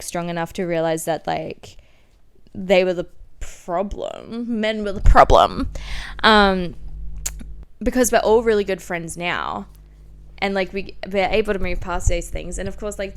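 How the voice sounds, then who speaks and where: A woman in her twenties with an Australian accent hosts a chatty solo podcast, telling personal stories candidly and casually. Her fairly low voice is full of "like," slang and swearing, with slight background noise.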